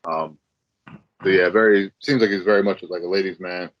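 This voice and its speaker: A man's voice: low-pitched, fairly even intonation, normal speed. A laid-back man co-hosting a podcast, chatting casually about a film with lots of fillers. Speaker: podcast co-host. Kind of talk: casual movie chat. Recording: dull, dry sound.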